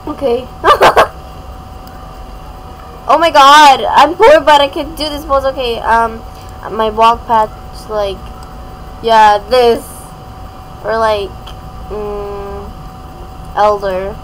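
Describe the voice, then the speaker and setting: A young woman with a high, bright voice talks slowly through a game as a casual gaming host. She is playful and giggles often between lines. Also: fairly even intonation, slight background noise, rough recording. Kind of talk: casual gameplay commentary.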